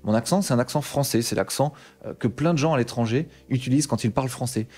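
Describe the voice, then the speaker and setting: A tech YouTuber with a Bordeaux French accent chats casually to camera, animated and full of slang, sounding mildly exasperated. He talks fast in a mid-range voice.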